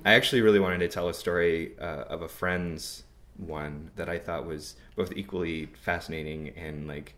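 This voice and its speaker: Male, very low voice, loose conversational delivery, lots of "like.". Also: moderate pace. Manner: relaxed, rambling with many "like"s. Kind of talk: casual conversation.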